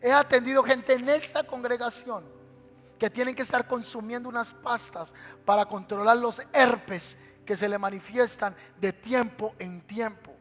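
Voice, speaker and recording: Acting out each scene he describes, a male preacher delivers a dramatic storytelling sermon in a church sanctuary. He speaks at normal speed with a steady tone in a very high-pitched, slightly bright voice, and faint music sounds through the reverberant hall.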